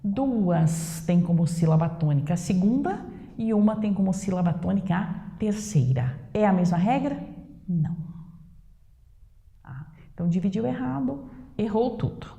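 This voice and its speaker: A woman teacher with a Brazilian Portuguese accent, giving a grammar lesson slowly and emphatically, posing rhetorical questions. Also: mid-range voice, vocal fry, warm tone. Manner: slow, drawn-out emphatic explanation with rhetorical questions. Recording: echoey room with long reverb.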